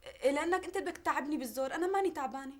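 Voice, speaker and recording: A woman's voice: high voice, racing, natural voice. An actress playing a defensive, frightened young woman in a TV drama. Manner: defensive, hushed then pleading. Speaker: younger sister in trouble.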